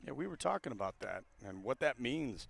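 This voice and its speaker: A man doing live play-by-play commentary of a college football game for a radio broadcast, rising with excitement on big plays. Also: medium pitch, a little fast, vocal fry. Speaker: play-by-play announcer.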